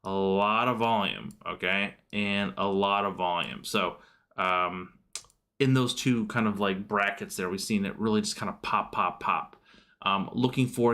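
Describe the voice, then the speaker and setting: A man's voice: mid-range voice, fairly bright tone. A man hosting a stock market livestream, walking through charts in a loose, rambling way with many fillers and restarts. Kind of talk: casual market commentary over charts.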